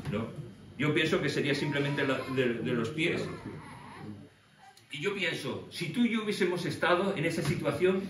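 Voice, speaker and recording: A man preaching a lively sermon, telling the story with animated acted-out voices. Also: on the high side, distant mic. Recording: echoey room from afar with faint noise.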